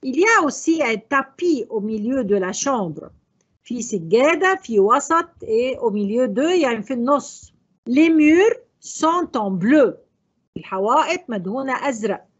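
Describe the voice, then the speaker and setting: An Egyptian woman teaching French in an exam review, her voice fairly high and breathy. She rises and falls animatedly as she drills phrases, then drops into rapid Arabic asides. The sound is dull and lo-fi, like an educational broadcast. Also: animated.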